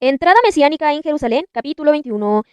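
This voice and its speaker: A woman reading scripture aloud in a measured, deliberate narration. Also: high voice, lively intonation, dry recording. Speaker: Bible narrator.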